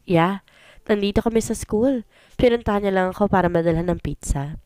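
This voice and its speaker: A woman's voice: mid-range voice, moderate pace, darkish tone, no echo, natural voice. A woman reading a remorseful young boyfriend. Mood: casual. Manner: pleading, remorseful. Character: young man, cheating boyfriend, apologetic.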